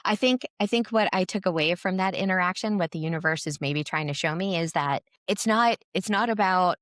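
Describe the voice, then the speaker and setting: A woman with a low voice rambles through a funny story on a casual podcast. She fills gaps with "um" and "like" and restarts her sentences. The sound is close and dry. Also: a little fast, a bit bright, dry recording. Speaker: podcast co-host. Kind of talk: casual chat.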